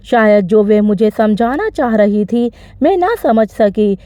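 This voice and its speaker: A woman narrating an emotional first-person story in an expressive storytelling manner. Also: mid-range voice, measured pace, no echo. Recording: slightly dull, dry recording.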